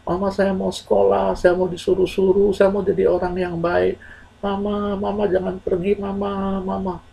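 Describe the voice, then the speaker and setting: A man's voice: high-pitched, level tone, moderate pace, vocal fry, mellow, breathy edge, pitched above the performer's own voice, heavily acted, low-quality recording. A man voicing a remorseful truant teenage boy, crying and pleading. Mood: sobbing. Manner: wailing, pleading, tearful.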